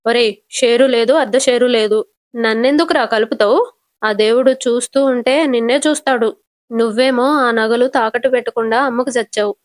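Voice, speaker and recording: A cowardly grown son whines and wheedles, voiced by a woman retelling a soap. The voice sits a little high and dry, drawn out slowly. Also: fairly even intonation, no echo, lightly acted. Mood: whiny.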